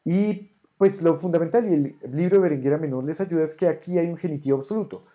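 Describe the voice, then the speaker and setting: A teacher giving an online ancient Greek grammar lesson, patiently correcting homework and sounding out Greek words slowly. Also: medium pitch, mellow. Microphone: camera on a desk.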